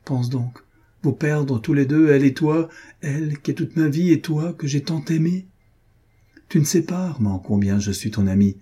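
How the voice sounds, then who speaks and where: A man's voice: on the high side, normal speed, dark tone, breathy edge, voice pushed up. A man reading an anguished, jealous husband who pleads with his friend in emotional outbursts, in an audiobook.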